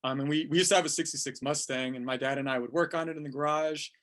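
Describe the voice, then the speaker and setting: Poet, male, 30s, from California, slightly high voice, unhurried verse reading. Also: steady tone, fairly bright tone. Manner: slow, deliberate reading of verse. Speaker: poet, featured writer. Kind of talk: casual talk and poetry reading.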